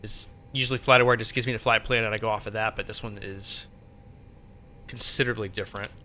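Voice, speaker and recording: Bright-voiced man streaming a flight simulator. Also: fairly even intonation, fast talker. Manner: muttering to himself while working through steps. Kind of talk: casual live commentary, thinking aloud. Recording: faint background noise and low rumble.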